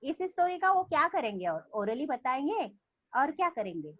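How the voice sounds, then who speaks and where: Lively woman trainer. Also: sits high, moderate pace, no echo, dull audio. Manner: animated, reads storybook lines aloud expressively. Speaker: teacher trainer. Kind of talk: online teacher training lesson. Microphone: video call.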